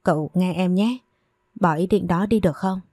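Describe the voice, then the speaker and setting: A woman's voice: fairly low pitch, moderate pace, no room sound, clean studio sound, lightly acted. A woman doing a meek, long-suffering young woman. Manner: gentle, humble, pleading.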